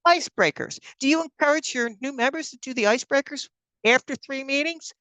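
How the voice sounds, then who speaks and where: A woman giving a lively motivational workshop talk to club members. She fires rhetorical questions at the audience and acts out friendly greetings to members. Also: sits high, fairly quick, no echo. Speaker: Toastmasters speaker on member engagement.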